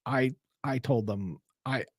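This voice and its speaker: A man's voice: medium pitch, slow pace, no room sound, studio quality. A man of fifty hosting a casual livestream, rambling and self-deprecating, restarting his sentences often. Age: 50s. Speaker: livestream host.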